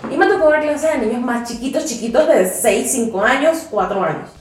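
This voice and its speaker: Mexican woman on a podcast, pretty high voice, chatty and fed up, super echoey room, a little music. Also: expressive, a little fast, a little mellow, distant mic, slight background noise. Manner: chatty, exasperated about schooling, laughs often. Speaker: co-host, English teacher. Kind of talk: casual podcast chat.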